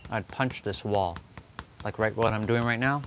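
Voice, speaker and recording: Speaking at normal speed in a lowish, slightly bright voice, this Canadian-accented man from Toronto pushes an unscripted motivational message on a livestream. He keeps repeating phrases for stress, and noisy outdoor sound is plainly audible behind him.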